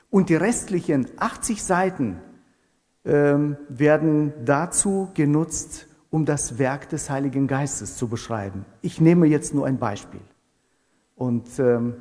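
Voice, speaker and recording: Male preacher, measured and repetitive, warm low timbre, reverberant church hall. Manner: measured, repeats phrases for emphasis. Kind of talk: sermon.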